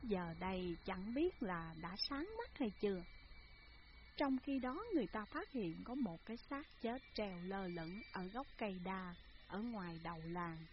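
Woman storyteller, expressive, dramatic folk tale narration, slightly muffled, faint hiss. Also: medium pitch, measured pace.

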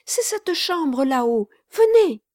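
Breathless young servant girl, put on by a woman narrator, high-pitched and pleading. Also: measured pace, a little mellow, no room sound, clean studio sound. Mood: urgent pleading.

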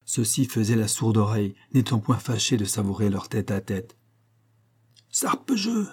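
Male reader of a classic story, measured and expressive, warm, mellow tone. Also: lowish voice, slightly rough. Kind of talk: scripted narration of a classic tale.

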